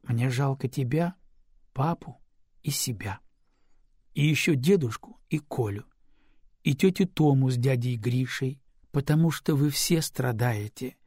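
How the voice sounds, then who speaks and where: A husky-voiced man voicing a sad, stubborn little girl who speaks slowly and quietly, in an audiobook. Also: mid-range voice, no room sound, clean studio sound. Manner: slow, subdued.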